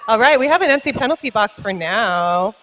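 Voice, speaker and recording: A mid-pitched commentator calls a live roller derby bout, running through scores and jammers in a chatty, casual way. Faint noise hangs in the background. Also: expressive, brisk. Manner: chatty, filler-heavy, laughs easily.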